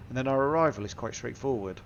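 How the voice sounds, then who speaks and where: Talking fast at a medium pitch, this man hosts a flight simulator tutorial, walking through every cockpit setting in order while congested from a cold. The highs are cut off in the recording, and simulator engine and cabin sounds hum in the background.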